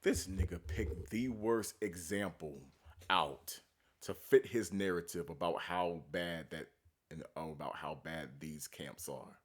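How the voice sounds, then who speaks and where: A man's voice: low voice, slow pace. A man giving casual, blunt, profane reaction commentary as he preaches about scripture. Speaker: commentary video host.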